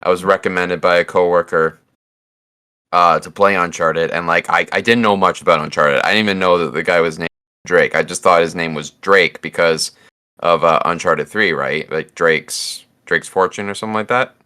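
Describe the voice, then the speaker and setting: Deep, bright-toned man telling stories. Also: steady tone, moderate pace, clear, resonant tone. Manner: rambling, laughs at own stories. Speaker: podcast co-host. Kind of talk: casual chat.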